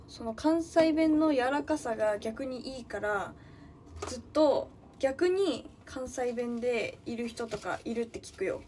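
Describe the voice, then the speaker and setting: A woman's voice: high-pitched, a little hiss or hum. A young woman from Nagano, chatting casually on a livestream, thinking aloud and greeting viewers often. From Nagano, Japan. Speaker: livestreaming idol.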